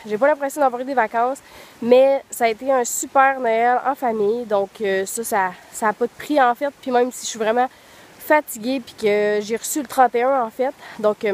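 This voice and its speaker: A young woman vlogging outdoors in frigid, snowy woods speaks in a darkish voice on the high side. Her Quebec French accent is muffled by flu congestion, she's slightly out of breath, and her walking chat is loose and full of fillers.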